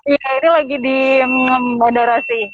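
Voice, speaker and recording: A woman from Lombok, Indonesia, an airline general manager, chats casually as a guest in a live interview at an airport, talking through a face mask. Her voice sits high with fairly even intonation at a moderate pace, and the thin, phone-like internet call audio is very noisy.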